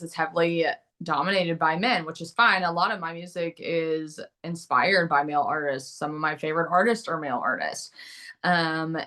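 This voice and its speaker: Chatty, lower-pitched American woman, sassy. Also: pushed and bright. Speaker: guest, country singer-songwriter. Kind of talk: casual interview chat.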